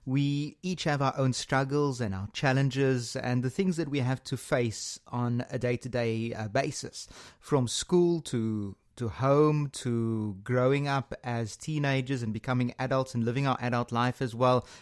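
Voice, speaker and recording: A South African man in his own voice, pitched in the middle range, hosts a podcast interview. He speaks in a formal, carefully phrased way and takes his time building long sentences. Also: fairly even intonation, unhurried. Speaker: podcast host.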